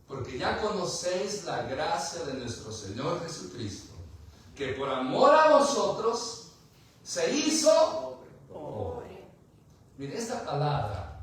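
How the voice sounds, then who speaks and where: A man preaches in a lively, rising and falling voice, tossing questions out to his congregation and slipping in a joke now and then. He speaks slowly and deliberately, and he sounds set back from the mic in a very echoey hall with a faint background hum. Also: medium pitch. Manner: preaching with rhetorical questions and humor. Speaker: pastor. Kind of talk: sermon. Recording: echoey room from far off.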